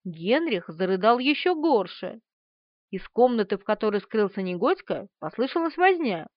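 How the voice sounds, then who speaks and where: Brief: expressive female audiobook narrator, very lively pitch, dry close sound. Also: moderate pace, dry recording. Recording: slightly dull, dry.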